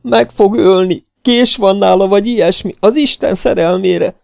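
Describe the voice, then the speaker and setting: A man's voice: vocal fry, a little mellow, dry recording, studio quality. A man voicing a terrified, shabby fugitive who shrieks and pleads in panic, reading a storybook. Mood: terrified pleading. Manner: shrill, pleading, panicked cries.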